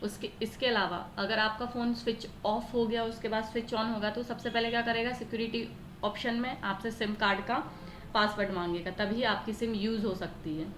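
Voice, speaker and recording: Brisk and steady, her slightly high, fairly bright voice carries a step-by-step computer lesson from an Indian woman teacher, in Hindi laced with English terms. She asks herself questions and answers them, and the room is echoey with faint background noise.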